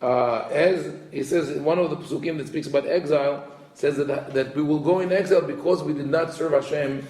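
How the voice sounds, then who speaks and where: Rabbi giving a conversational lesson in an echoey room. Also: male voice, on the high side, a little mellow. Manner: conversational, restarts often, reads Hebrew quotes quickly then translates. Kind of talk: informal Torah lesson.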